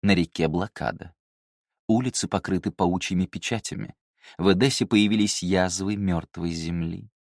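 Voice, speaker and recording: A man's voice: low voice, normal speed, dry recording, clean studio sound. Man voicing a haughty, seething mother. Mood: furious. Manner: cold, clipped, seething. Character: haughty scheming woman, a mother, furious.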